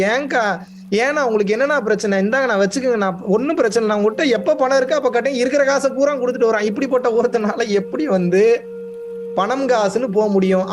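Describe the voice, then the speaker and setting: A young man speaking as a spiritual teacher, explaining to his listeners with emphatic repetition and frequent questions. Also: very high voice. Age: young adult. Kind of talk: spiritual discourse to an audience.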